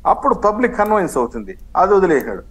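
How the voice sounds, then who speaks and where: A man's voice: high-pitched, big pitch swings, fast talker, rough recording. A man speaking as a party spokesman in a heated TV news debate, combative and sarcastic, slipping in English phrases.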